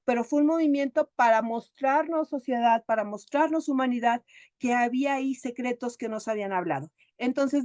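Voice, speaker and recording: Telling story after story in an animated, chatty talk, this woman speaks as an emotional therapist. Her voice sits on the high side, and the recording has no echo.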